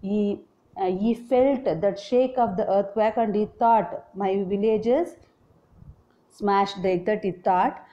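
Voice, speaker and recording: A woman teacher explains a lesson to schoolchildren at an unhurried pace. Her tone is soft-edged and mellow, at a medium pitch, and she often restates a point in simpler words. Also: steady tone, dull audio. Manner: explanatory, repeats and rephrases points. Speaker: English teacher.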